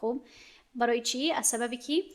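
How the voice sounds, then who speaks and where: Woman, teacher explaining grammar rules patiently, checks in with students, somewhat high voice. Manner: explains step by step, checks understanding with questions. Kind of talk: classroom grammar lesson.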